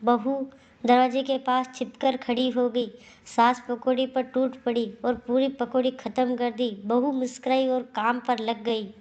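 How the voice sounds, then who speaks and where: A woman narrating a family story in a scripted, measured storytelling manner. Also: fairly high pitch, highs cut off. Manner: slow, even storytelling.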